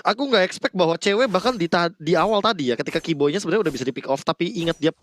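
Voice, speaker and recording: A man's voice: high-pitched, expressive, rapid-fire, dry recording. A man with an Indonesian accent giving conversational esports analysis, explaining it point by point.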